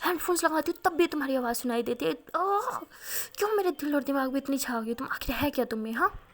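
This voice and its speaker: A woman voicing a lovesick young college woman who shouts and stammers. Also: sits high, natural voice.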